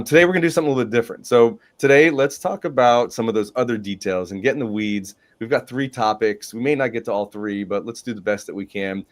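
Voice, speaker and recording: Male host, lower voice, upbeat and emphatic, business training talk. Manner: enthusiastic, emphatic, frequent "right?". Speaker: podcast host.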